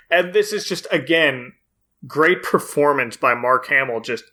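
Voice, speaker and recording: A podcast host with a medium-pitched, sharp-toned voice talks at a slow pace. He casually recaps an episode with enthusiasm and amusement, laughing often as he goes.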